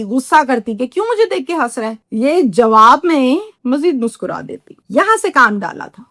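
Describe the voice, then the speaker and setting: A woman's voice: fairly high pitch, a bit bright, dry recording, clean studio sound. A middle-aged woman presents a true-crime story, indignant and moralizing, and repeats words for emphasis.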